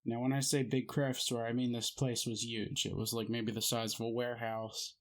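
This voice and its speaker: A man, host of his own channel, sits and tells his own spooky experiences in plain, everyday speech. He wanders from one detail to the next and stays matter-of-fact throughout. His voice sits at an ordinary middle pitch. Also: little pitch movement, normal speed. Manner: meandering, matter-of-fact retelling. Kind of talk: casual personal storytelling.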